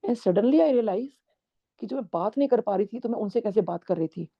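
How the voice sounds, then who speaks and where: A woman's voice: mid-range voice, lively intonation, moderate pace. Earnest middle-aged woman, dull lo-fi sound. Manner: earnest, mixes English words into her speech. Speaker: satsang speaker sharing a testimony. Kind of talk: devotional testimony storytelling. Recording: dull lo-fi recording.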